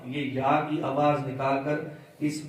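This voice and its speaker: A male religious teacher giving a live class on prayer recitation. He repeats words slowly to correct how they are pronounced. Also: medium pitch, little pitch movement. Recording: very echoey room, voice far from the mic.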